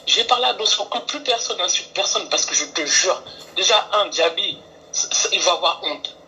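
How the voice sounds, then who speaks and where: A woman calling in to a live stream, talking earnestly and pleading for calm. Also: lowish voice, moderate pace, soft background music, rough recording. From France. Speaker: caller. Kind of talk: phone call on a live stream.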